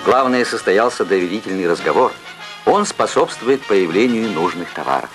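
A man's voice: on the low side, expressive, normal speed, music in the background. A man narrating an old Soviet newsreel from a script, with a formal announcer's delivery. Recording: noisy 1980s archive newsreel soundtrack.

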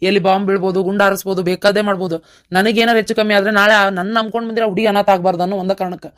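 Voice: mid-range voice, fairly even intonation, rapid-fire, a bit bright, close to an everyday voice. A performer voicing a stubborn young villager set on becoming a soldier, with a North Karnataka accent, in a cartoon. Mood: earnest. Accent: North Karnataka Kannada. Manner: earnest, stubborn. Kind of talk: cartoon voice acting.

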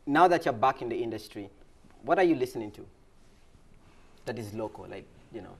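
A man's voice: medium pitch, expressive, fairly quick, vocal fry. Upbeat laughing male host. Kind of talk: casual interview chat.

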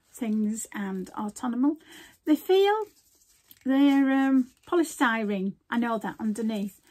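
A woman's voice: a little high, darkish tone, breathy edge. An older woman, chatting casually as she shows off craft supplies at home, rambling and breaking off mid-sentence. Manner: chatty, rambling, self-interrupting. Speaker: crafting vlogger. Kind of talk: casual show-and-tell chat.

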